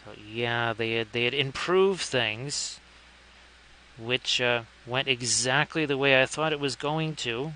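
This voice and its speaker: A man casually chatting through a live stream, tossing in wry asides and thanking his viewers. His voice is bright and forward at a middling pitch, with a faint room hum behind him. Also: slow. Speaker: live-stream host painting miniatures.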